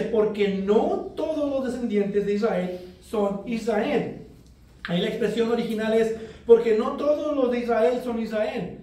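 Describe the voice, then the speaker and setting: A man from Mexico preaching an expository sermon in a measured, earnest way. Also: very high-pitched, dark tone. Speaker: pastor. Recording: very echoey hall, voice from a distance.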